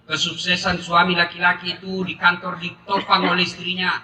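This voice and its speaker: High-voiced joking preacher. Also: male voice, normal speed. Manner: jokey, animated, bursts into shouting. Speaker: Islamic preacher. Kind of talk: humorous sermon. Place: public gathering with live audience. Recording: echoey and distant with crowd noise. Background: audience laughter and ambient noise.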